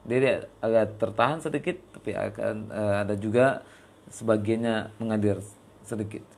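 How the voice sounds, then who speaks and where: An Indonesian man teaching Quran recitation rules in a live lesson, drawing out example words slowly and explaining between them with hesitant fillers. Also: fairly low pitch, fairly even intonation, gravelly, darkish tone. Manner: demonstrates letters slowly, then explains quickly with fillers. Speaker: tajweed teacher.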